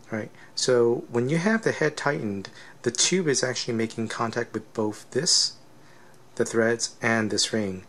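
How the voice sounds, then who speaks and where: A man with a lowish, slightly bright voice works as a product reviewer, giving a casual, unscripted technical demonstration. He explains things step by step and often checks in with a questioning tag.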